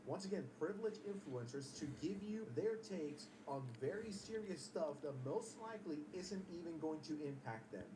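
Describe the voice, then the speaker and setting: A man's voice: fairly high pitch, lively intonation, moderate pace, few pauses, distant mic, background noise. A young man giving casual commentary in a profane, exasperated rant. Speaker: YouTube commentator.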